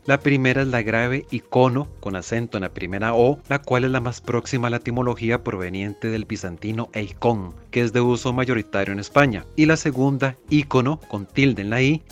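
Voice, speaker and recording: A man explains points of language in a measured, didactic way. His pitch sits in an ordinary middle range, and faint music plays behind him. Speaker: language expert. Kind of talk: scripted explanation.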